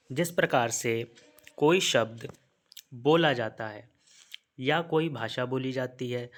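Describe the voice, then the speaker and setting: Male tutor for an exam-prep class, mid-pitched voice, patient step-by-step delivery, poses a question and answers it himself. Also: fairly bright tone. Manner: explains step by step with rhetorical questions; sprinkles English terms into Hindi. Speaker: teacher.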